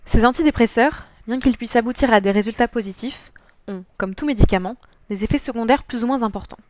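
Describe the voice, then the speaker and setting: A woman's voice: on the high side, fast, darkish tone, no echo. A teenage girl from France narrating a scripted school presentation, reading a prepared text carefully and evenly. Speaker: student presenter.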